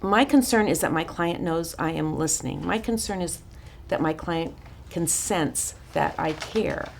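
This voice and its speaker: A woman teaches a counseling class in a casual, chatty way, stopping and restarting her sentences as she goes. Her voice is raspy and gravelly, sitting a little low. A faint hum of room noise is heard behind her. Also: a little slow. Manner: chatty, warm-hearted asides with frequent restarts and fillers. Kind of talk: informal teaching talk to a small group.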